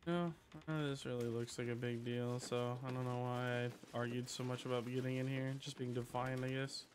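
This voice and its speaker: A man's voice: medium pitch, flat delivery, moderate pace, a little hiss or hum. A man hosting a let's play, giving casual, offhand, sweary commentary and reading game text aloud.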